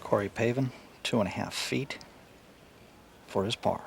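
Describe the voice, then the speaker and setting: A man's voice: fairly low pitch, unhurried, creaky, slight background noise. A man giving live golf commentary in an informal, colloquial way.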